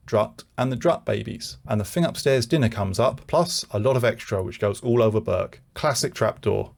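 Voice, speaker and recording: A man's voice: mid-range voice, creaky, a little mellow. A man in his forties narrating a scripted retrospective review, with dry, wry running jokes. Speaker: YouTube reviewer.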